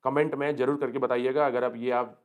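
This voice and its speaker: A man teaching English tenses for exam preparation, explaining in Hindi and reading English example sentences slowly, often checking with questions whether students follow. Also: mid-range voice, fairly even intonation. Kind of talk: exam-prep grammar lesson.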